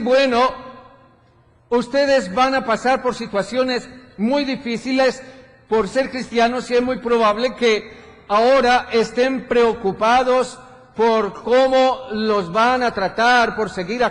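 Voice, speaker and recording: A man with a Colombian accent preaching a sermon as pastor, measured and full of rhetorical questions. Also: very high voice. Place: large church hall. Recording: church hall reverb.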